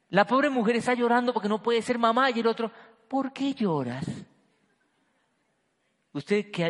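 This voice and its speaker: A man preaching a sermon to a congregation, swinging between loud emphasis and quiet, hushed lines. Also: high voice. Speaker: pastor. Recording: long hall reverb.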